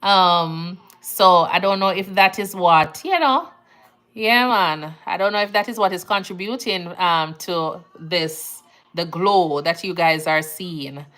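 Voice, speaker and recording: On the low side and taking it slowly, a nurse from Jamaica hosts a livestream, casually chatting and reading out viewer comments. Her Jamaican accent and phrasing are evident, and she's relaxed, talkative, and laughs readily.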